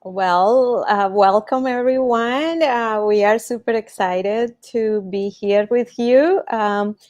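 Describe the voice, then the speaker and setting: A woman from Colombia with a Colombian Spanish accent, whose first language is Spanish, introducing herself casually on a video call, pausing often with fillers. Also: fairly high pitch, darkish tone, muffled recording. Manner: hesitant, many fillers. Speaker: panel moderator.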